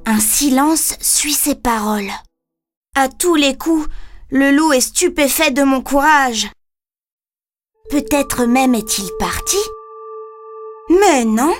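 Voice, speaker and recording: A woman narrating a children's story in first person, with a lively, expressive reading. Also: high-pitched, slow pace, long pauses. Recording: storybook reading over music.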